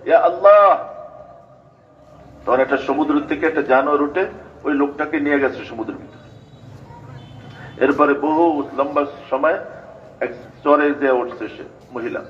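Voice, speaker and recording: A man's voice: a little high, slight background noise. Older man preaching, dull lo-fi sound. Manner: storytelling preaching with chanted invocations. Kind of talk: sermon. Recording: dull lo-fi recording.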